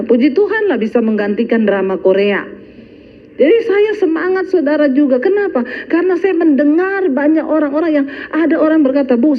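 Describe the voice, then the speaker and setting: Animated woman pastor preaching. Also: high-pitched. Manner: animated storytelling preacher, addresses the congregation directly. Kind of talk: sermon. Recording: slightly dull lo-fi recording.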